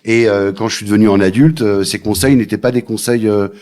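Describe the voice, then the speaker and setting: A man speaking in casual chat as a guest paying tribute, halting with many pauses and fillers. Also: fairly low pitch, steady tone, a little mellow. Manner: hesitant, full of pauses and fillers.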